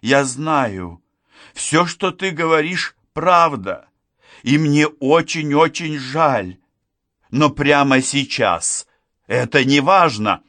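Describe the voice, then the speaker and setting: A guilt-ridden young woman sobs out her apologies in a raised, halting voice, as a male audiobook reader puts her on. She speaks slowly, each phrase drawn out. The sound is close and dry. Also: on the high side, lively intonation, sharp tone, dry recording, voice pushed up, exaggerated voice. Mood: pleading.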